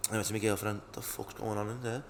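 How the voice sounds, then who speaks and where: This young podcast co-host races through casual chat and stories, swearing and laughing frequently, in a lowish, level voice with vocal fry. Slight background noise is present.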